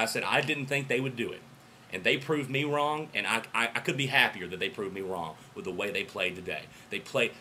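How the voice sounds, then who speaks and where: An American football fan vlogger, an alum of the team he backs, speaks to camera in a sharp, medium-pitched voice gone hoarse from yelling through the game. He is emphatic and repeats himself, swinging between excited bursts and quieter asides, with slight background noise.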